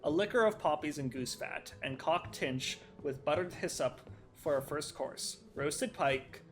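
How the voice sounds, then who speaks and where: A man's voice: fairly high pitch, a little slow, faint music behind. A man hosting a let's play, reading an in-game book aloud in a casual way, laughing and swearing at his slips.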